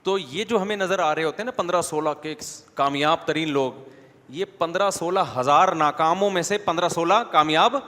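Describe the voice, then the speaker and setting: Preacher man, conversational, slightly high voice. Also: sharp tone. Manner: conversational, asks the audience rhetorical questions. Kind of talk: Islamic lecture. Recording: long hall reverb.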